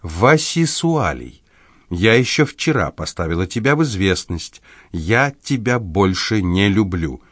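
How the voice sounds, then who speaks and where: A man's voice: lowish voice, lively intonation, unhurried, no room sound, studio quality. A man voicing a cold, impatient wife in an audiobook, speaking in a curt, dismissive way. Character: cold, impatient wife leaving her husband.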